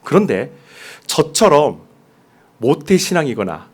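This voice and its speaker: Animated Korean pastor preaching a sermon. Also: male voice, a little high, slow pace, breathy edge. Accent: mostly standard Seoul Korean, dialect suppressed. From Jeolla, South Korea. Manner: conversational preaching, addresses congregation directly, asks questions.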